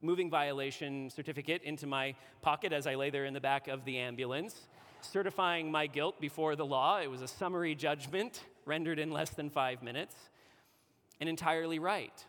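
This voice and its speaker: A man's voice: on the high side, normal speed, fairly bright tone. A man preaching a sermon, weaving a personal story into his teaching with earnest conviction. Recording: long hall reverb.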